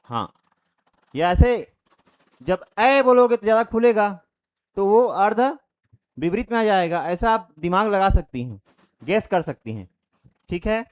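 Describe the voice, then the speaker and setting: In a high, sing-song voice, a young man gives a Hindi grammar lesson online, keeping a measured pace broken by long pauses. He models the vowel sounds aloud and explains gradually, with repeated checks along the way.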